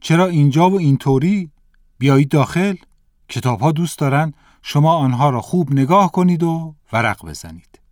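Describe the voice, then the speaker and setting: A man's voice: a little high, expressive, no room sound, clean studio sound, close to an everyday voice. A man reading the part of a kindly bookseller of fifty. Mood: welcoming. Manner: gentle, welcoming. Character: kindly, good-natured male bookseller around fifty.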